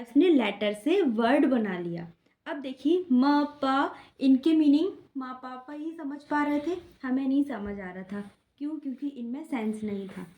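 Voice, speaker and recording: A woman's voice: a little high, warm tone, roomy sound. A woman teaching a language lesson, explaining step by step and having listeners repeat words and spellings after her. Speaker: English teacher. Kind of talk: classroom lesson in Hindi and English.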